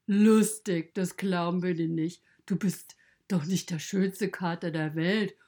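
A woman telling a children's story in the voice of a pony, lively and often dropping to a hush. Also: lowish voice, slow.

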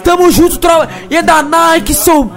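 A man from Brazil, a DJ, rattling off crude, rowdy shout-outs over a mix, yelling names and laughing. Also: extremely high pitch, fairly even intonation, measured pace, gravelly. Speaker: DJ giving shout-outs on his podcast mix. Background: funk music beat.

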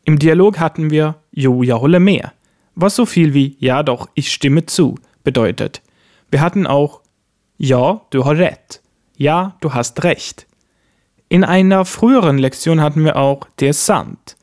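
A man presenting a scripted language lesson, his voice sitting a little higher than most men's. He slows down to lay out each example word with care. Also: darkish tone. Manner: slow, careful spelling out of example words. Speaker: language teacher host.

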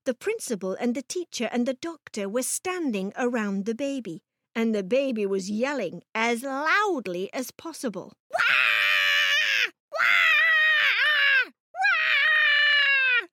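A woman narrating children's stories for an audiobook in an expressive, voice-shifting way, recorded close on a studio mic. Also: on the high side, moderate pace.

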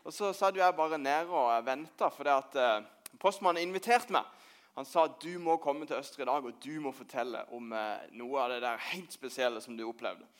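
A man's voice: medium pitch, natural voice. A man playing old Josef in a children's church skit, rambling and hesitant as he searches for words. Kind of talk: children's church role-play.

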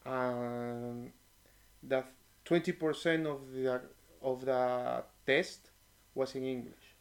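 A man's voice: medium pitch, flat delivery, slow pace. A man as an interview guest, telling stories animatedly with many restarts. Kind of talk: casual interview chat.

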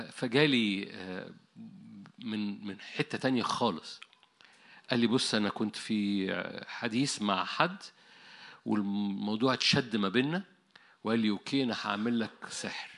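A man with an Egyptian accent preaching an animated sermon, telling stories and laughing. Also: on the low side, fairly quick, pauses often. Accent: Egyptian Arabic.

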